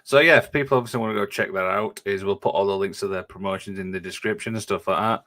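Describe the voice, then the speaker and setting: A man's voice: lowish voice, fast, bright, forceful tone. A man hosting a casual wrestling podcast chat, often saying "obviously" and "and stuff like that". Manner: says "obviously" and "and stuff like that" a lot. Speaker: podcast host.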